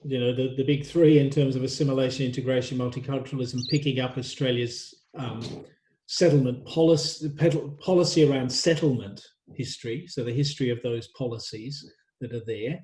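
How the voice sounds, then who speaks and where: A man's voice: mid-range voice, brisk, darkish tone, echoey room, slight background noise. A man lecturing a university workshop, thinking aloud with many fillers and restarts.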